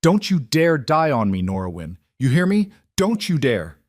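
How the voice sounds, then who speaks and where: A man doing a gruff, rough-edged frontier farmer from a storybook western, talking with low, earnest weight. The voice sits deep and is recorded close and dry. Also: lively intonation, normal speed, darkish tone, dry recording. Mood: desperate pleading.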